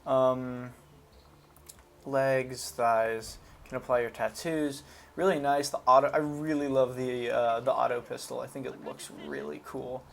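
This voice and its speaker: A gaming video host with a mid-range voice and vocal fry gives casual, unscripted commentary over slight background noise. He talks informally and hesitantly, thinking out loud.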